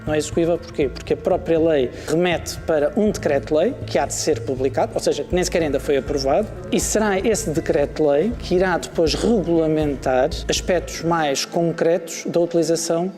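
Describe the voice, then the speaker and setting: Higher-pitched, mellow man in a reverberant space. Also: fairly quick, few pauses. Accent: European Portuguese. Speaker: legal commentator. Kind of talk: interview explanation. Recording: long reverb, faint music behind.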